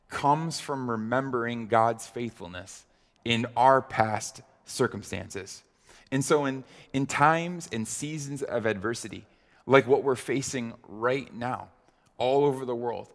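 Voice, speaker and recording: Slow-speaking male preacher, long reverb. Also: medium pitch. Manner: slow, deliberate preaching with frequent "uh" fillers and repetitions. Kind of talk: sermon on a psalm.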